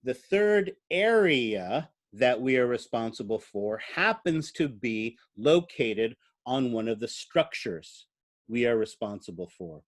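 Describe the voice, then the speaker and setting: A male lecturer teaching a class in an easygoing, conversational way. He speaks at a middling pitch, uses frequent "uh"s and turns to the students with questions. He sounds like an ordinary classroom talk. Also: very animated, takes it slowly. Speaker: biology lecturer.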